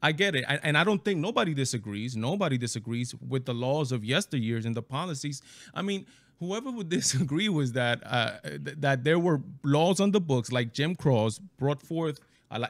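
A middle-aged man from the Dominican Republic, talking over a video call in a halting, emphatic way with many restarts, on a headset mic in a small room. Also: medium pitch, expressive, dry recording. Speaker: show host. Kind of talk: casual debate on a video call. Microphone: headset and studio mic.

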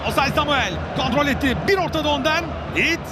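Male football commentator, screaming and excited, extremely high pitch, clipped player-by-player calls, heavy crowd noise behind. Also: brisk, over loud music. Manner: shouts and screams at goals and chances; short clipped phrases naming players.

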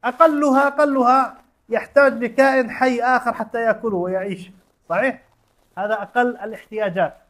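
A man's voice: extremely high pitch, steady tone, a little fast, fairly bright tone. A man teaching a religion class, explaining step by step with everyday examples and quizzing his students with short questions. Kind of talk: classroom lesson.

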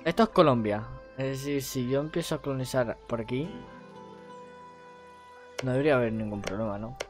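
A man's voice: mid-range voice, brisk. A man from gives playful, rambling let's play commentary full of jokey asides. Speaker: gaming YouTuber. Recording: music playing under voice.

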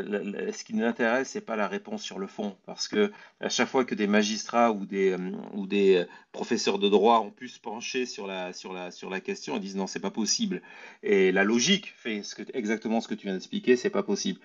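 A man hosting a live political talk show, explaining in a halting way and often repeating words. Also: lowish voice. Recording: slightly dull, lo-fi audio.

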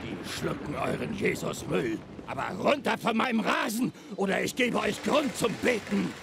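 A man's voice: low-pitched, unhurried, vocal fry, noisy background. An actor playing a bitter, domineering old man in a video game, with a stern and contemptuous manner. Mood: furious. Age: older. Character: cold, bitter, domineering old patriarch with underworld past. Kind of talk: dramatic video game acting, German dub.

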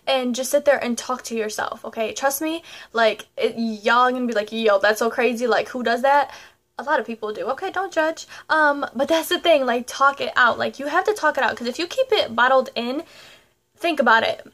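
A woman's voice: high voice, a little fast, fairly bright tone. A young woman vlogger giving life advice to her viewers in a chatty, repetitive way, often adding "you know" and "okay". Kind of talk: casual advice vlog.

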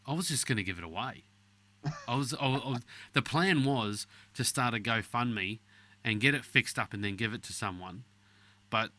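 A podcast host with a very bright, forceful male voice and an Australasian accent. He chats casually and blokily, swearing freely over a video call. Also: mid-range voice. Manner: blokey, heavy swearing.

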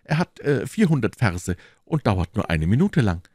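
A vain, affected young musketeer with poetic airs, read aloud by a man. His voice is pitched high above the reader's own and swoops about with lively flourishes. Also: moderate pace, no room sound, studio quality. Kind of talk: audiobook character reading.

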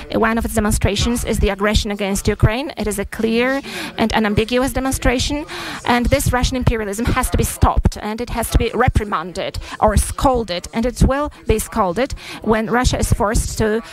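A woman interpreting a press statement live into English, halting with frequent pauses and fillers. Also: on the high side, rough recording.

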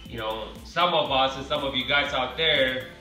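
A man's voice: mid-range voice, normal speed, bright, forceful tone, faint music behind. A man, talking casually and reflectively with many fillers, recorded in a large home garage by a camera some distance away. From Romania. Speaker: car-building vlogger. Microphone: camera set some distance away on a ladder. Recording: echoey garage from far off.

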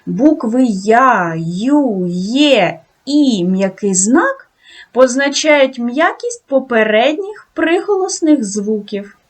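A woman teaching a video lesson to second graders, talking slowly and sing-song and praising the children often. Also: fairly high pitch, lively intonation. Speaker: primary school teacher.

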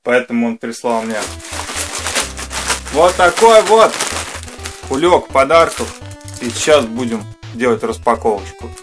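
A man's voice: medium pitch, expressive, measured pace, long pauses, music in the background. A man in his thirties hosting a casual unboxing vlog in a small room, rambling in slangy, mildly sweary speech. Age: 30s. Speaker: host of a retro games channel. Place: small furnished room indoors.

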